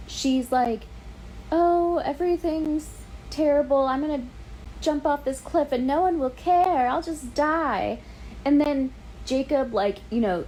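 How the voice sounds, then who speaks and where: A woman in her thirties talking casually at home about a book she is reading. She sounds exasperated and animated, says "like" constantly and swears freely. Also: lowish voice, slight background noise, rough recording. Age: 30s. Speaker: book vlogger. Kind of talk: casual ranting vlog.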